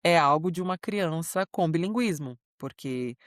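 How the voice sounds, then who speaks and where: A Brazilian co-host with a Brazilian Portuguese accent tells stories on a podcast, her low-pitched voice expressive and at normal speed. It's a casual chat among friends, and she's warm, proud, easygoing and chatty with many fillers, in a dry, studio-quality recording.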